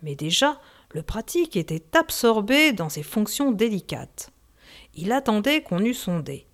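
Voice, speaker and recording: A woman narrating a novel in a measured, expressive reading. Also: mid-range voice. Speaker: audiobook narrator.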